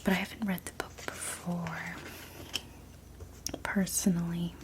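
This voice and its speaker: A woman in a whispered role-play as a gentle, sleepy librarian, speaking softly and unhurriedly as she works at her desk. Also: on the low side, little pitch movement, a little slow, noisy background. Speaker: ASMR performer playing a librarian. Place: small indoor room at a desk.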